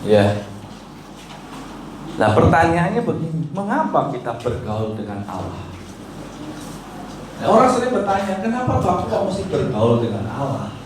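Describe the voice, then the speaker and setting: A man's voice: on the high side, very animated, moderate pace, long pauses, noisy background. A male pastor preaching a sermon, urging listeners with rhetorical questions and rising, emphatic lines. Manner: exhorting, asks the congregation rhetorical questions. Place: church hall. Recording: echoey hall, mic from far off.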